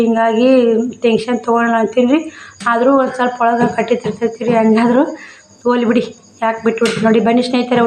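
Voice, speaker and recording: A woman's voice: on the high side, darkish tone, reverberant, poor audio. A woman, talking plainly to her viewers in a casual daily-life vlog from her village home, repeating herself often. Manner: plain, repetitive, addresses viewers as friends. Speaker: vlogger.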